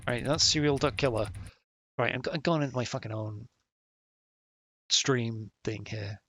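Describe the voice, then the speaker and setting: A man at a measured pace, medium pitch and a bit bright, thinks out loud while streaming a puzzle game, swearing and muttering to himself as he tries passwords. Faint game music can be heard.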